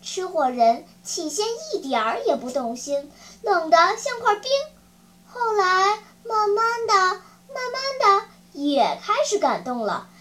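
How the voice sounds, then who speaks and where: Woman storyteller, children's story, high voice, lively pitch. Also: slow pace, a little hiss or hum. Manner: expressive, animated.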